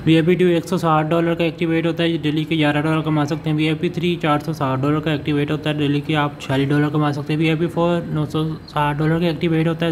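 A man talks viewers through an app on his phone, step by step, often pausing to correct himself. His voice sits a little high and stays flat in pitch throughout. A faint hiss runs under the recording. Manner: explains step by step, many fillers and self-corrections. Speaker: channel host. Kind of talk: screen-recorded app walkthrough. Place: voice-over over phone screen recording.

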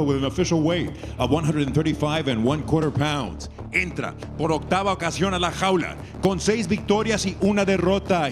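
A man working as a ring announcer in a dramatic lucha libre style, switching between two languages in a booming voice and stretching out names. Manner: alternates Spanish and English. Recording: loud music behind. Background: music.

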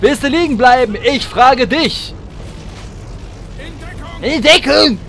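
A man's voice: very high-pitched, lively intonation, slow, fairly bright tone, faint music behind. A man giving chatty commentary while playing a shooter game, humming and chanting while he shoots and exclaiming often. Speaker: let's player. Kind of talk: gameplay commentary.

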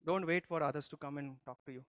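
High-voiced man preaching a conversational sermon. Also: steady tone, fast, fairly bright tone, no echo, highs cut off. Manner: teaching with frequent questions to the congregation and many restarts. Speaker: pastor. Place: church service.

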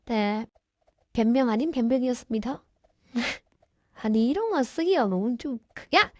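A woman with a sore throat from a cold, speaking through a voice changer in halting, flustered, casual game commentary. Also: fairly high pitch, animated, dry recording. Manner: halting, easily flustered, apologetic. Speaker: gaming YouTuber. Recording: dull, lo-fi, dry sound.

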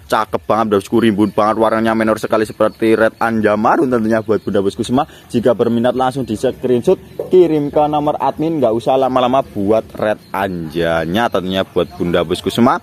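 Low-pitched man pitching plants for sale. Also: fairly even intonation, a little fast, hardly any pauses. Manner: repetitive patter, restating names and prices. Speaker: plant seller presenting stock for sale. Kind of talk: casual live-style sales pitch.

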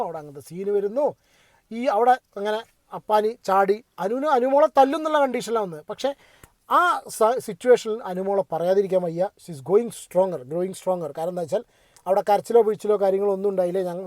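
Fast-talking man. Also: sits high, darkish tone, no room sound. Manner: chatty, addresses viewers directly, asks for their opinion. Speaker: reality-show commentator vlogger. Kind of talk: casual opinionated commentary.

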